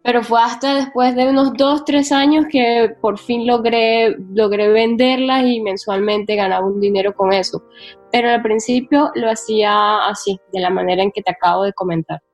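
A woman from Colombia's Caribbean coast, speaking with that region's Spanish accent, is an interview guest who travels solo and writes about travel. In a casual interview she candidly tells her experiences, repeating words for emphasis. Her voice is a little high with fairly even intonation at normal speed, and faint music plays behind her.

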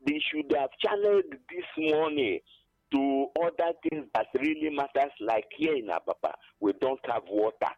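A man's voice: mid-range voice, moderate pace, no room sound. An older Nigerian man calling in to a radio show, hesitating over many fillers and building into emphatic complaints over a dull phone line. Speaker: caller.

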